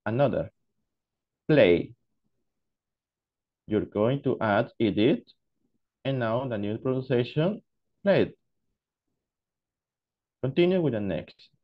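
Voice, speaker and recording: A man teaching English to Spanish speakers, explaining past tense pronunciation slowly and deliberately, switching between Spanish and English. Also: medium pitch, animated, muffled recording. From Peru. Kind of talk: online class lesson.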